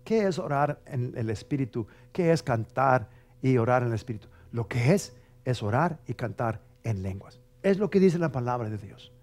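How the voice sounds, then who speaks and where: A man's voice: mid-range voice, lively intonation, normal speed. A man preaching a television sermon as a pastor, emphatic and conversational, often checking in with his listeners and acting out prayer styles. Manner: emphatic, conversational, with frequent rhetorical tags; mimics dramatic prayer voices loudly for effect.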